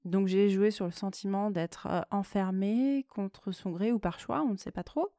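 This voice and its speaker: Soft-spoken woman reading her own stories. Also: mid-range voice, moderate pace, no echo, studio quality. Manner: conversational, hesitant asides with fillers. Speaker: podcast host and author. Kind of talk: reading her own creative writing with commentary.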